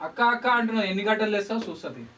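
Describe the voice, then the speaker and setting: A woman's voice: mid-range voice, expressive, racing, a bit bright, slight background noise. A woman, scolding and instructing a patient about taking medicine. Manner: scolding, bossy. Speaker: caretaker giving medicine. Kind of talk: village short-film acting. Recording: distant mic with background music.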